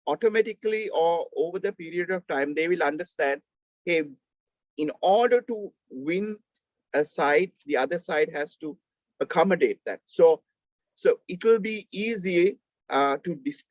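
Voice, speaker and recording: A man with a Sri Lankan accent lecturing an online class, explaining a text in a halting, emphatic way, rephrasing and repeating as he goes, over a video call. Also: high voice, no echo. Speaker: university lecturer. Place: online video call, close dry sound. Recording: slightly dull video call audio.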